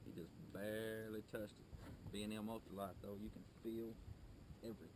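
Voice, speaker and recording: A man with a lower voice keeps up a relaxed, teasing commentary while fishing. The sound comes from a camera mounted on a small boat out on the lake. Heavy outdoor noise runs under every word. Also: fairly quick. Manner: teasing, laid-back running commentary. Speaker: fishing guide and video host. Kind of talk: casual on-camera fishing chat.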